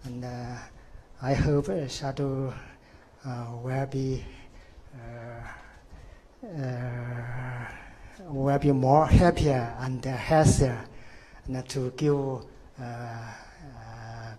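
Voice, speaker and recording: Halting man with constant fillers. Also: medium pitch, fairly even intonation, warm tone, a little hiss or hum. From China. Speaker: monk course participant. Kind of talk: giving thanks and feedback.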